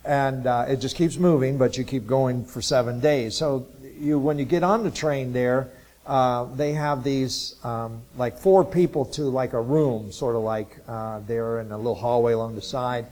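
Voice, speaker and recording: A Bible college missions teacher from Ohio, a man in his sixties, gives an informal testimony to a church group. His mid-range voice stays steady and a little mellow, but his delivery is halting and rambling, with many filler sounds.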